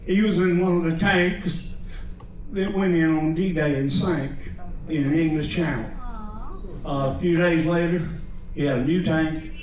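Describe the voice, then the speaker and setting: A man in his seventies or older giving a plain personal recollection in a halting, matter-of-fact way. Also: on the high side, steady tone. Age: 70s or older. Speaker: retired army veteran, audience member. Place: large indoor venue. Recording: echoey room, distant, faint noise.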